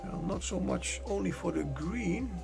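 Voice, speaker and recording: A man's voice: high voice, expressive, a little slow, creaky, music in the background. A man chatting casually on a live painting stream, rambling and correcting himself with jokey asides into a desk microphone.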